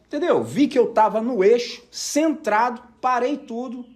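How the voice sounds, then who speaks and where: A man's voice: very high-pitched, moderate pace. A man preaching a casual sermon, telling personal stories and checking with his listeners that they follow. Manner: animated storyteller, keeps asking the audience if they follow.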